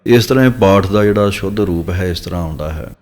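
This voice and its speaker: Punjabi male scripture teacher, lowish voice, slow careful recitation, long hall reverb. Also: darkish tone. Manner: slow, drawn-out recitation of verses between explanations. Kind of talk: scripture pronunciation lesson.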